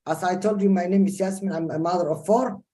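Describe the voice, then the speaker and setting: A woman from Somalia introducing herself haltingly on a video call as a guest speaker. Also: on the low side, warm tone. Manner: halting, with restarts. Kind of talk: self-introduction.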